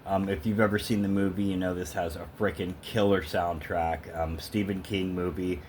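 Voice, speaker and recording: An opinionated music fan walks viewers through his thrift store haul, his low-pitched voice steady and at normal speed. He speaks casually and emphatically to the camera in a rambling vlog style, with slight background noise present.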